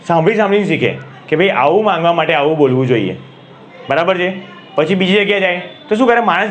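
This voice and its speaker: A man's voice: high voice, a bit bright, a little hiss or hum. A man with a Gujarati accent teaching English grammar to a class, asking questions and repeating key words.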